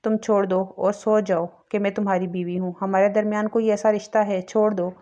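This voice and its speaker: A woman's voice: medium pitch, level tone, brisk, dark tone, highs cut off, close to an everyday voice. Woman reading as a soothing young wife. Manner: coaxing, motherly.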